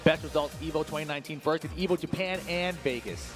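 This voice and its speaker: A man's voice: a little high, quick pace. A man commentating on a fighting game tournament, analysing play in a conversational back-and-forth. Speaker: esports commentator. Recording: music playing behind the voice.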